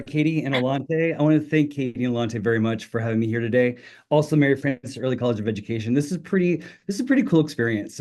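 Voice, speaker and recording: A middle-aged linguistics professor from Italy, whose first language is Italian, is the guest speaker on an online webinar. His voice is medium-pitched and dark, and his talk is friendly, informal and full of personal stories.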